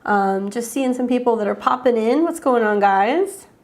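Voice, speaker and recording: An astrologer with a head cold hosts live readings, chatting casually and greeting viewers by name in a congested voice. She sounds rather high and expressive, with a darkish tone and a moderate pace.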